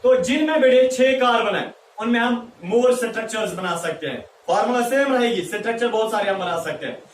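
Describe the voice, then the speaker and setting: A man's voice: sits high, animated, brisk, a little hiss or hum. A man teaching a chemistry class, talking to students as "beta" and playfully asking and answering his own questions. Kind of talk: classroom lecture. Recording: echoey room, mic far off.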